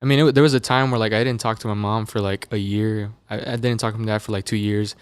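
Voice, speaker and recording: Relaxed young man, low smooth voice. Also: fast, no echo. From Las Vegas, USA. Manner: relaxed, loose, filler-heavy storytelling. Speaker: musician guest. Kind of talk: casual interview chat. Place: podcast studio. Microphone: dynamic studio mic.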